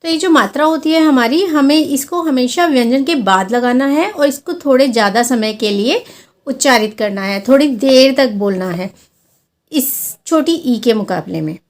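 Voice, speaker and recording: Woman, language teacher, high pitch, patient step-by-step explanation, stretched-out example words. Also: expressive. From India. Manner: slow, careful explanations, drawing out sample words to show long and short vowels. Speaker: Hindi teacher. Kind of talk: classroom-style lesson explaining vowel signs.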